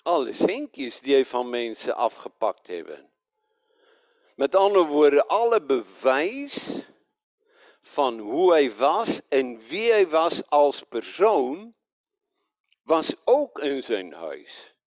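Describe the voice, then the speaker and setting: A man's voice: on the high side, slow, no room sound. A man preaching a sermon, asking his listeners rhetorical questions and correcting himself as he goes. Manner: animated, rhetorical questions to the congregation; stumbles over names, self-corrects.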